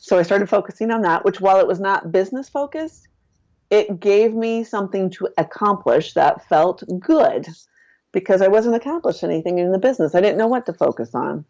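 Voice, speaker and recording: A woman business coach, a podcast guest, telling a personal story in a casual, lively way with lots of "like" and "I'm like". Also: a little fast. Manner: lively storyteller who acts out her own past lines with big jumps in pitch. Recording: dull lo-fi podcast audio.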